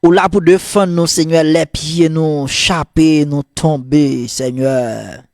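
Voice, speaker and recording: Haitian Creole-accented male priest, slow and gravelly, dry close sound, fervent morning sermon. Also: on the high side, steady tone, dry recording. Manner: fervent, repetitive call-and-response cadence; soft murmured prayer.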